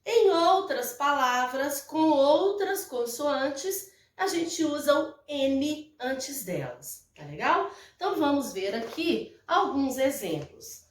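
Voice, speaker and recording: A woman's voice: high voice, big pitch swings. A Brazilian woman teaching a recorded lesson to young children, explaining patiently and repeating herself, often checking that her pupils follow. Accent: Brazilian Portuguese. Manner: slow, patient, repetitive explaining with check-ins. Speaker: primary school teacher. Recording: echoey room, mic at a distance.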